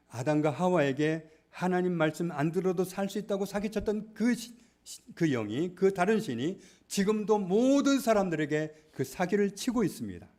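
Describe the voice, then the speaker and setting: A male pastor preaching a sermon, stressing points loudly and then dropping to hushed asides. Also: sits high. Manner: emphatic, swings between loud stresses and hushed asides. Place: church.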